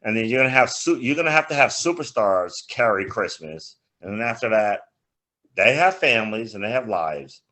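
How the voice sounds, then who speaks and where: With a lowish voice and a moderate pace, an older man who is a grandfather spins animated stories as co-host of a casual sports podcast. He laughs constantly and curses without holding back.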